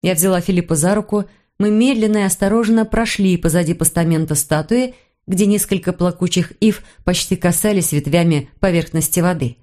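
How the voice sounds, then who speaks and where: Woman narrating in a low, measured voice. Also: mellow. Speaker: audiobook reader. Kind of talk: scripted narration.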